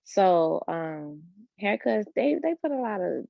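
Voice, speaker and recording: A woman from Chicago, a loctician, talking in a relaxed, reflective and slightly hesitant way as an interview guest. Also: on the low side, a little slow, vocal fry, no echo, lo-fi sound. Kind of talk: casual interview.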